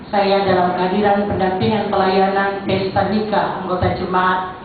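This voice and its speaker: Speaking at a moderate pace in a monotone, mid-range voice, a middle-aged church council chair from Central Sulawesi, Indonesia, shares her testimony with a Sulawesi Indonesian accent. She talks conversationally, directly to the congregation. Recorded in an echoey church hall on a distant mic, the audio is phone-like with faint noise.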